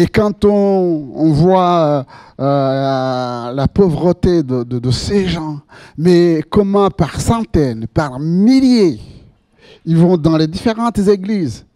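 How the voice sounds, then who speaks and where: Slow-speaking pastor. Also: male voice, a little high, mellow, no echo, studio quality. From Rwanda. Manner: asks the congregation rhetorical questions. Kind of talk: sermon.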